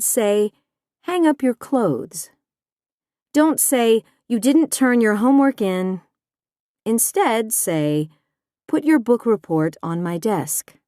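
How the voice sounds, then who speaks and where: A woman reading nonfiction aloud in a measured, deliberate way. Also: fairly high pitch, very animated, mellow, no room sound, studio quality. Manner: measured, deliberate delivery of examples. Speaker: audiobook narrator.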